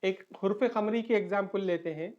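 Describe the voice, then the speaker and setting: A man's voice: high voice, a little mellow. Male teacher. Patient online lesson that repeats key terms and switches into English. Dull, lo-fi recording.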